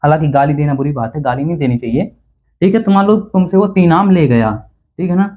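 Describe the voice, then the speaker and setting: A man's voice: a little high, fast. Chatty male math teacher, tinny sound. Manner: chatty, teasing, repeats "theek hai na" to check understanding. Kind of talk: classroom math lesson.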